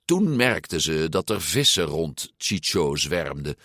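A man reading a children's story aloud, slow and animated, giving each character a voice. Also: very deep voice, dry recording, studio quality. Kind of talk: storybook read-aloud narration.

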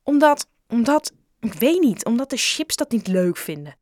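A woman's voice: sing-song, moderate pace, darkish tone, no echo, clean studio sound. A woman voicing an upset chubby schoolboy who pleads and turns hurt in a children's audiobook. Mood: hesitant. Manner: high, pleading and tearful. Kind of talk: audiobook character voice.

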